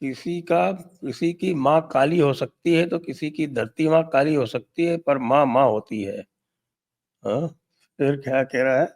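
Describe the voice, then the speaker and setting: A man's voice: mid-range voice, unhurried, a little mellow. A man with an Indian accent hosting a political talk show, reading out quotes with sarcastic relish.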